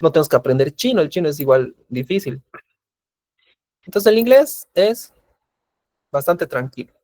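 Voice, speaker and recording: A man's voice: on the high side, very animated, normal speed, darkish tone, no room sound. A man teaching an English class, patiently repeating examples and asking his students questions. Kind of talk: recorded class lecture in Spanish.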